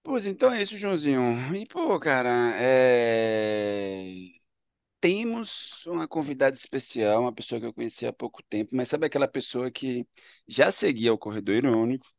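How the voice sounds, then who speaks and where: A man from Ilhéus with a Bahian accent, hosting a podcast in a relaxed, jokey way and laughing often. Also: medium pitch, normal speed, no room sound. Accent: Bahian Brazilian Portuguese. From Ilhéus, Bahia, Brazil. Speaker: podcast host. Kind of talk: casual podcast chat.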